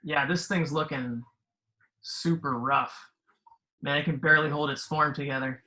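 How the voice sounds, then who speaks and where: Bright-voiced game master. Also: medium pitch, moderate pace. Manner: relaxed, thinks aloud with fillers. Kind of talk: running a tabletop game.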